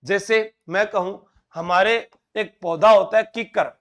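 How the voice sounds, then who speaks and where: A man with a Rajasthani Bagri accent runs a live online exam-prep class. His voice sits high, and he talks in a chatty, coaxing way, slipping into local dialect words. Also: fairly even intonation, a little slow, fairly bright tone. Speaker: exam coaching teacher.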